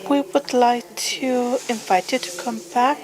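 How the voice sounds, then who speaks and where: High-voiced woman interpreting live. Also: fairly even intonation, a little slow, a crowd in the background, poor audio. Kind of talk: simultaneous interpreting.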